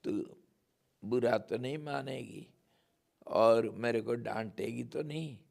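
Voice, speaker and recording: This is shy little Kanha from a devotional story, coaxed by his mother, put on by a man telling it. He speaks softly and hesitantly, pleading and bashful. The voice is slow and gravelly. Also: medium pitch. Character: young boy Kanha, shy and mischievous.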